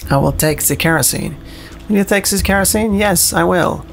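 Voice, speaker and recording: A gaming show host plays through a game with casual, jokey let's-play commentary, chatting, swearing and muttering to himself. His voice sits high and creaky, at normal speed.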